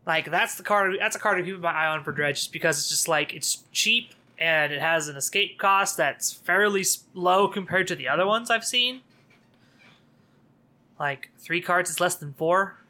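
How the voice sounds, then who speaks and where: A man with a bright, forceful voice talks casually on a podcast, pitched a little higher than most men. He leans into sarcasm and laughs often. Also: normal speed. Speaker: podcast co-host. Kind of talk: casual card game chat.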